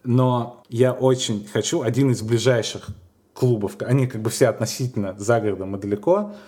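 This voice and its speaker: A man co-hosting a podcast, chatting casually and telling stories in a musing, unhurried way with small hesitations. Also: mid-range voice, warm tone. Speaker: podcast co-host.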